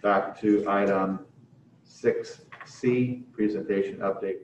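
In an echoey, muffled council chamber, the chair of a board meeting formally reads out agenda items at a slow pace. His voice is lowish and a little mellow with fairly even intonation, caught by a distant room microphone on a video call, with a little hiss or hum.

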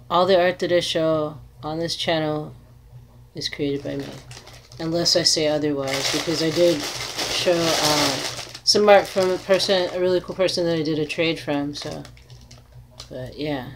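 A woman in her thirties chatting casually to camera in an unhurried, rambling way, as an artist showing her handmade crafts. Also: low voice. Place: small cluttered room indoors. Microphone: device mic at arm's length. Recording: noisy home webcam recording.

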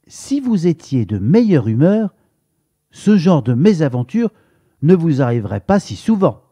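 A man's voice: on the high side, sing-song, a little slow, dark tone, husky, dry recording, heavily acted. A man voicing a cheerful, always-smiling man in a storybook, speaking in a friendly, teasing way. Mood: cheery.

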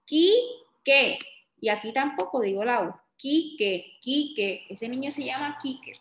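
A woman's voice: on the high side, normal speed, echoey room, slight background noise. A woman teaching a kindergarten phonics lesson, patiently stretching out and repeating words and answering her own questions. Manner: asks the children questions and answers them herself. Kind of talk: slow phonics lesson for young children.

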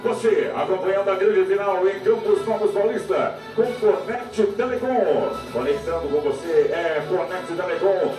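High-voiced Brazilian male broadcast announcer. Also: a little slow, hardly any pauses. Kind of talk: live broadcast sponsor announcing. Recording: distant echoey television sound, music behind.

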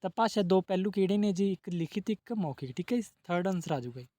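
Male tutor for an exam-prep lesson, high voice, dry recording, drills questions with a repeated polite ji. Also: lively intonation, fast, dark tone, no echo. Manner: repeats set phrases with polite ji, asks then answers. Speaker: teacher.

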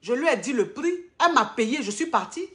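A woman influencer speaks straight to her followers in a live video, her voice sitting a little high. She is indignant and emphatic, driving each point home by saying it again and again. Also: animated, fairly quick, fairly bright tone. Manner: emphatic, repeats phrases for stress. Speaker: social media influencer.

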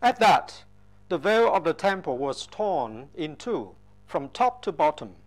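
A man giving a liturgical Gospel reading at Mass in a church, in a slow, measured, solemn way. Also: a little high, very animated.

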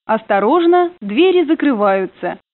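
A woman's voice: fairly high pitch, big pitch swings, measured pace, dry recording. A woman reading prerecorded train announcements, heard over the train's intercom, polite and formal. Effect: played over a train intercom. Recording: narrow phone-like dry sound.

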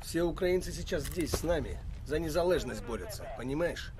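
Actor as high-pitched, hot-headed militia commander. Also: male voice, expressive, brisk, a crowd in the background, lightly acted. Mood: sneering. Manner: barking, sneering. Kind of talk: film drama acting. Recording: loud noise behind the dialogue.

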